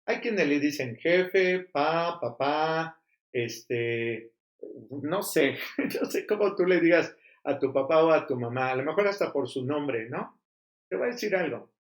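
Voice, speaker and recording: A man's voice: on the high side, lively intonation, measured pace, roomy sound. A man preaching a sermon as pastor, emphatic and full of rhetorical questions.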